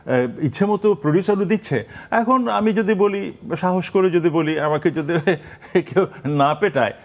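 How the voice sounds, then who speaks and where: A middle-aged man, a guest on a studio talk show, speaking in an animated storytelling way. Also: sits high, a little slow. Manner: animated, storytelling with quoted voices. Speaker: guest, documentary maker and actor. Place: television studio.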